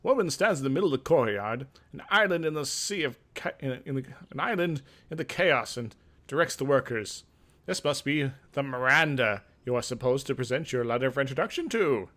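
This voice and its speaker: A man hosting a gaming video uses an expressive, mid-range voice that runs a little fast and has a fairly bright tone. He mixes theatrical reading of game text with loose commentary, his asides hesitant and rambling.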